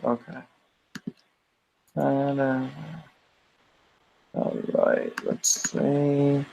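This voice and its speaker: A man's voice: a little high, gravelly, poor audio. A male streamer chatting casually, mumbling to himself while he browses. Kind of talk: casual chat.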